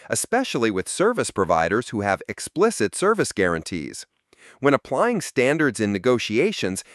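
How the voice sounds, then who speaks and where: A man reading a scripted explanation in an even, explanatory delivery. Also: medium pitch, dry recording, studio quality. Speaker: narrator. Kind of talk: scripted narration.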